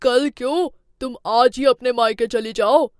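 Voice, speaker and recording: Cartoon role: reproachful young husband, a woman doing him, high and dry. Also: fairly even intonation, measured pace, dry recording, natural voice. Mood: firm. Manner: firm, reproachful. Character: young husband who backs his mother. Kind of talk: cartoon storybook voice acting.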